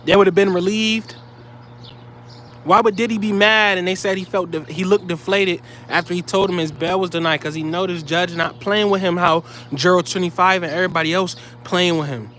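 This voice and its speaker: A man's voice: high-pitched, fairly even intonation, fairly quick, fairly bright tone, slight background noise. A man delivering heated, profane commentary straight to his viewers, blunt and scolding.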